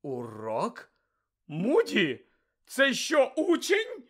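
Brief: man voicing prim older witch professor, shrill outbursts, audiobook. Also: huge pitch swings, extremely slow, fairly bright tone, full character voice. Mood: shocked. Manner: shrill, squealing in shock. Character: stern older female witch professor, strict.

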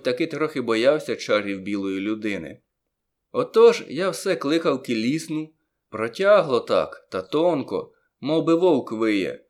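A man reads a first-person story aloud as an audiobook narrator, telling it in a lively way and drawing certain words out slowly for effect. His voice is medium in pitch.

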